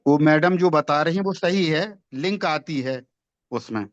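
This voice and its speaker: A man on an online group call, his audio choppy and breaking up, talking haltingly and repeating hello as he asks a question. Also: on the high side, no echo. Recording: dull, dry online call line.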